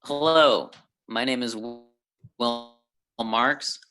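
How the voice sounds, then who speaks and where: A man giving public comment over a remote call, his audio breaking up and dropping out as he speaks slowly and haltingly. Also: mid-range voice, pushed and bright.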